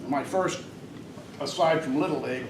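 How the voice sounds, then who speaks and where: The noisy, echoey recording comes from a distant mic at a Rotary club, where an older guest speaker delivers a rambling, filler-heavy, hesitant talk. He speaks at normal speed in a higher register with some vocal fry.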